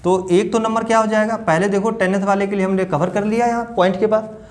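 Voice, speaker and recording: A man with a fairly high voice gives a math lesson to children. He works through each step patiently, repeats the numbers aloud and keeps asking the class questions. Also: fairly even intonation, fast talker. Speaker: math teacher.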